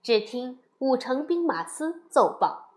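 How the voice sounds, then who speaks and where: Woman narrator for a kids' story podcast; lively, unhurried, a touch high. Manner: slow, expressive storytelling.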